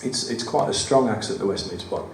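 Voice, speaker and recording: Expressive and fairly quick, a male performance poet with a croaky, lowish voice and a West Midlands English accent reads poems at a live cabaret event in a studio theatre, joking in a wry, self-deprecating way. Recorded from a distance in a roomy venue, the clip carries audible room noise and audience ambience.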